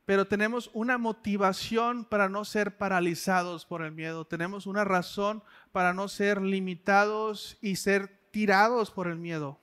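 A man's voice: high voice, steady tone, normal speed, few pauses, a bit bright, clean tone. A man preaching a sermon in a conversational way, asking the listener direct questions.

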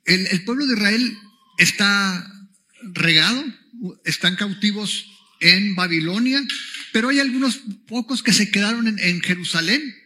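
Bright-voiced pastor preaching. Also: male voice, high voice, a little slow. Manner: conversational, asks the congregation rhetorical questions. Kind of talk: sermon. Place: church.

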